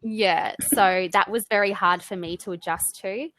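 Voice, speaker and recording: A young Australian woman with an Australian accent, chatting casually over a video call as an interviewee, relaxed and quick to laugh. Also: medium pitch, slight background noise.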